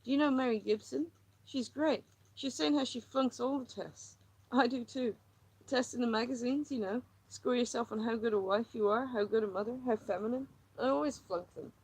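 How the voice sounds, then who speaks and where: Woman narrator playing a frazzled housewife in a storybook reading; high, pleading, rambling, louder than the narration. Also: moderate pace, husky, rough recording. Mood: eager. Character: anxious troubled housewife, rambling and wounded.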